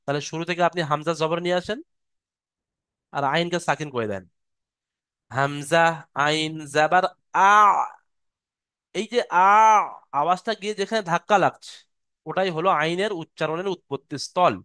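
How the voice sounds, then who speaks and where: High, smooth-voiced man teaching online. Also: steady tone, a bit bright, dry recording, clean studio sound. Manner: patient, demonstrates sounds slowly and repeatedly. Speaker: Quran recitation teacher. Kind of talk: online class lesson. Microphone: computer mic on a video call.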